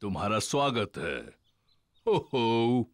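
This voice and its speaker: A man voicing a jolly, bumbling daddy pig in a Hindi cartoon dub, hearty and indulgent, with a husky voice. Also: mid-range voice, very animated, takes it slowly, slight background noise.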